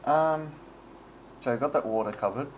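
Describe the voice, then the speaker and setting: A man's voice: mid-range voice, moderate pace, a little hiss or hum, rough recording. A man giving casual, rambling gameplay commentary, chuckling and making self-deprecating asides as he goes. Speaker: gaming channel host.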